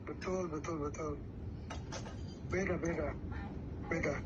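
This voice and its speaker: A man's voice: on the high side, steady tone, unhurried. A man, a pastor, heard over a landline phone call, talking in a soothing way and often agreeing. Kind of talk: phone conversation. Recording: muffled phone line with loud hiss.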